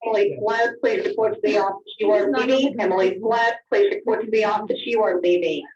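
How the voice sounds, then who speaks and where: A woman's voice comes through a school intercom speaker, paging someone loudly and evenly and repeating herself. The sound is muffled and dull, and it rings through the room from a distance. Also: medium pitch. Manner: loud, measured, repeated paging. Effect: heard over a school intercom loudspeaker. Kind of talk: public address announcement. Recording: muffled, echoey intercom speaker heard from across a classroom.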